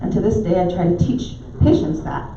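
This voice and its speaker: A middle-aged Barbadian woman with a lowish voice speaks animatedly and briskly as guest speaker at a club meeting in a pub dining room. She's a naturopathic doctor whose accent has softened over years in the US, telling warm stories with filler ums. The echoey, dull, distant room recording has a little hiss or hum.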